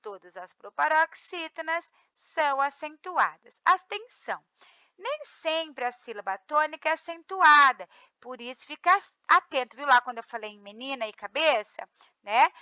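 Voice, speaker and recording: A Brazilian woman teacher explaining grammar rules. She stresses syllables slowly and checks in with her students often. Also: sits high, sharp tone, no room sound, dull audio. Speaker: Portuguese teacher. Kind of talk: grammar review lesson.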